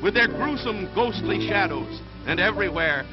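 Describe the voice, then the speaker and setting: A man's voice: high-pitched, expressive, moderate pace. A man announcing on an old newsreel, with a grave, declamatory 1930s delivery. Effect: old newsreel soundtrack. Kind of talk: dramatic 1930s newsreel narration. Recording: dull lo-fi old film sound with music. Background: loud music.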